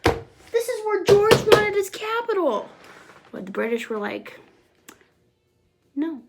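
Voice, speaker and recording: A woman presenting a goofy homemade history explainer, playful and jokey, with slang asides and sudden jumps between loud bursts and near-whispers. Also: very high voice, big pitch swings, a little slow, loud music behind the voice, poor audio.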